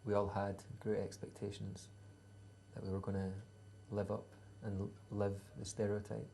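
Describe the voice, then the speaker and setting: A Scottish musician in his thirties, appearing as a guest, gives casual interview answers at an unhurried, hesitant pace, full of ums and dry humour. His low, flat voice has a gravelly rasp and a dark, mellow tone, with slight background noise.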